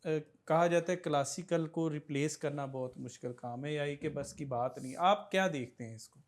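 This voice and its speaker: A male podcast host from Pakistan, asking formal, measured questions in a polished register. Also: fairly high pitch. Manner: formal, measured questions with Urdu literary words. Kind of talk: interview questions.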